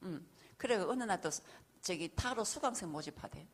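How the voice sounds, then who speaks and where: Husky animated woman preaching. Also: on the low side, normal speed. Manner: animated storytelling, acting out quotes, frequent laughs. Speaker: church evangelism teacher. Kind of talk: lively sermon lecture.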